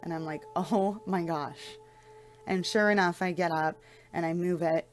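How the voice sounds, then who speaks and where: A young adult woman speaks in a soft-spoken, somewhat low voice, often repeating words as she restarts her thoughts. She talks casually about spiritual matters, as if to viewers of her vlog. Soft music plays faintly behind her. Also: steady tone, a little fast. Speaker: spiritual vlogger. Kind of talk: casual spiritual talk to camera.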